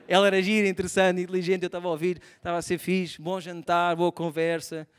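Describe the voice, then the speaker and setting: A young man with a European Portuguese accent doing live stand-up comedy, animated and self-mocking, swinging from soft asides to loud outbursts. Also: high-pitched, fast talker, clear, resonant tone. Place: theatre stage before a live audience.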